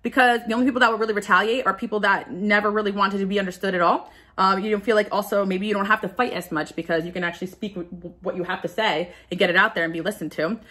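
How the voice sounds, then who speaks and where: A woman's voice: medium pitch, steady tone, quick pace, sharp tone. A woman giving a casual pick-a-card tarot reading, candid and confessional, who often stumbles over her words.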